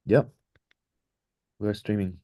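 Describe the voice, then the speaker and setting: A man's voice: fairly low pitch, steady tone, takes it slowly, mellow, no echo. A man hosting an online seminar, introducing the speaker with many hesitant ums and uhs. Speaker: seminar host. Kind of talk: introducing a speaker over a livestream.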